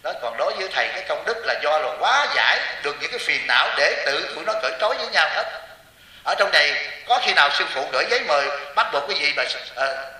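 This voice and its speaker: High, bright-voiced monk in an echoing hall. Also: male voice, big pitch swings, fast, distant mic. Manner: joking, with rhetorical questions to the audience. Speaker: Buddhist monk teacher. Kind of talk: sermon to lay followers. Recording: echoey hall with long reverb.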